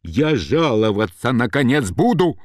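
A man's voice: mid-range voice, very animated, slow, darkish tone, no echo, clean studio sound. A man voicing a frightened, whining middle-aged householder who wails and mutters in panic. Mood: wailing.

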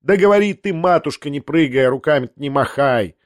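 A man's voice: a little high, animated, brisk, no room sound, studio quality, natural voice. A male audiobook reader voicing a brusque, bossy lady of the house who scolds and commands impatiently. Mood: scolding. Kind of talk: audiobook character voice.

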